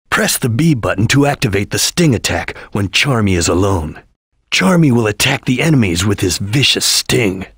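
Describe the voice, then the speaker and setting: A man playing a serious, disciplined ninja chameleon in a video game, giving earnest, measured instructions in a husky voice. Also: medium pitch, no echo, studio quality. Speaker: game character voice actor. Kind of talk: scripted video game tutorial lines.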